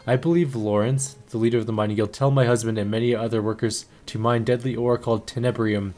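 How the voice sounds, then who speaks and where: A man voicing a grieving middle-aged widow who speaks halting, broken English with odd idioms, over faint game music. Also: medium pitch, darkish tone, close to an everyday voice. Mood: earnest.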